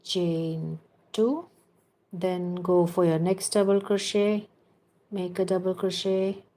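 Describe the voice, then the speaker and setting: Hosting a crochet livestream, this teacher counts her stitches out loud and walks viewers through each step patiently, chatting to them along the way. She speaks slowly in a lowish, dark voice with fairly even intonation.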